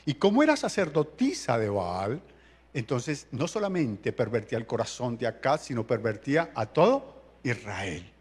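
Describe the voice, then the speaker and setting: A pastor, preaching a sermon in a colloquial, jokey storytelling way. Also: male voice, mid-range voice, very animated, moderate pace, a little mellow, husky.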